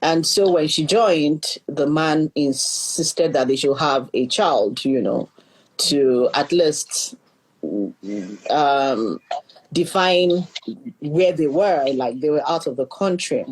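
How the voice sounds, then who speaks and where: The audio is poor, with a little hiss or hum, as a middle-aged Nigerian woman speaks slowly in a low voice. A leadership coach and podcast guest, she earnestly narrates her life story in an interview, repeating words while thinking.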